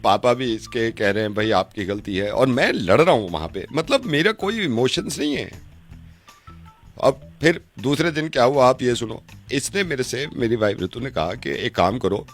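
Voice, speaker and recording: A man's voice: medium pitch, big pitch swings, normal speed, soft background music. A man making a radio prank call, griping and arguing heatedly over the phone. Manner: aggrieved complaining that turns into heated arguing.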